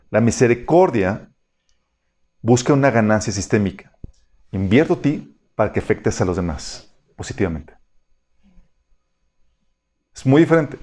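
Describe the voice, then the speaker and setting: A man's voice: medium pitch, darkish tone. A man teaching a Bible study in a conversational way, reading passages aloud and often checking that his listeners follow.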